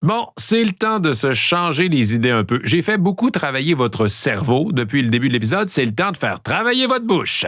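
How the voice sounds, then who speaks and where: A man's voice: a little high, big pitch swings, normal speed, few pauses, fairly bright tone, no room sound, clean studio sound. A man with a Québécois accent hosting a playful road-trip quiz, trained in theatre diction, full of joking asides. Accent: Québécois French. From Quebec. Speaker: host.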